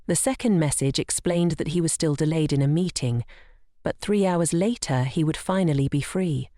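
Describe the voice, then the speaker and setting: Female recap narrator, steady scripted read, warm tone, dry close sound. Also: deep voice, no room sound.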